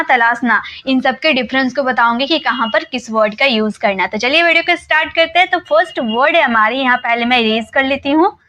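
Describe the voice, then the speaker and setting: A young woman teaching an English grammar lesson at a whiteboard, explaining step by step, asking and answering her own questions, and saying English phrases slowly for learners. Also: high voice, bright, forceful tone.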